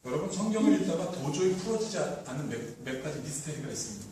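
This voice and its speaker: A male pastor preaching a sermon, swinging from shouts to hushed tones and acting out God's words. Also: a little high, big pitch swings, fast talker. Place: church sanctuary. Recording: echoey hall, far from the mic, faint noise.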